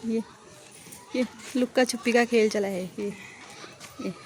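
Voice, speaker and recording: A woman's voice: a little high, fairly even intonation, slow, darkish tone, slight background noise. A woman vlogger giving a playful, giggly running commentary to her viewers while filming outdoors on a rooftop. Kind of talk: casual vlog commentary.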